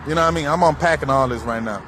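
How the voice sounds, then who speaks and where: A man's voice: a little high, rapid-fire. A man talking in a rambling, profane outdoor monologue, musing on spirituality and repeating himself as his thoughts drift. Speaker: vlogger. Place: outdoors beside a busy road. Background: faint passing traffic.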